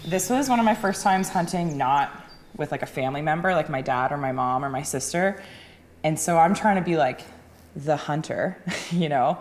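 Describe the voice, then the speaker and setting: Woman hunter, low voice, swings all over, laughing storyteller, faint music behind. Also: expressive, moderate pace, a little mellow, slight background noise. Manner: laughs often while telling it. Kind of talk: casual storytelling.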